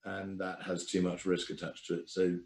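A man's voice: sits low, completely flat delivery, normal speed, vocal fry, a little mellow, reverberant, slight background noise, rough recording. A man, a podcast guest, talking casually with many fillers and restarts. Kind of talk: casual interview talk.

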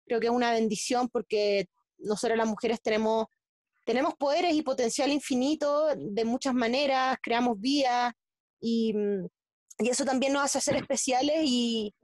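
A Chilean athlete appears as a guest in a casual interview, speaking Chilean Spanish in a fairly high, darkish-toned voice with fairly even intonation. Her speech is halting, with frequent fillers and restarts, and the sound is dry and close with almost no room echo.

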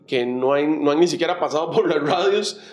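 A man, hosting a casual interview in a measured, conversational way. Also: a little high. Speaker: host.

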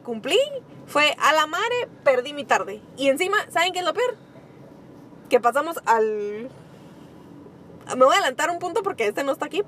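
Young Guatemalan woman, podcast co-host, high voice, expressive casual chat recorded in a car. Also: a little hiss or hum. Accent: Guatemalan Spanish. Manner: expressive, emphatic, laughs often. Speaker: podcast co-host, small bakery owner. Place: inside a parked car.

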